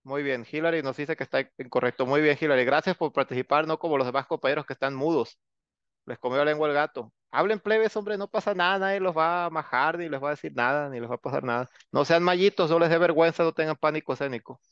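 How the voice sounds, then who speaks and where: A male English teacher gives an online class in a chatty, teasing way and coaxes quiet students to speak up. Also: on the high side, quick pace, smooth, dry recording. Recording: dull, dry lo-fi sound.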